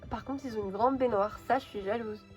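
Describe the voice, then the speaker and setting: A woman's voice: fairly high pitch, faint music behind, lightly acted. A woman voicing a jumpy human teenage girl who panics easily, in an amateur fan voice drama. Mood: nervous. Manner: excitable, quick to panic.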